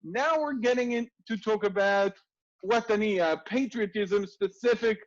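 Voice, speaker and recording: High-voiced man hosting, dull audio. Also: unhurried. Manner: hesitant, lots of fillers and restarts. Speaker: host. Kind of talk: casual interview chat.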